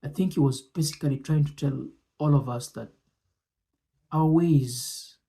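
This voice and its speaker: A man with a slightly high, mellow voice introduces and comments on speech excerpts. He's deliberate and measured, frequently pausing between short phrases.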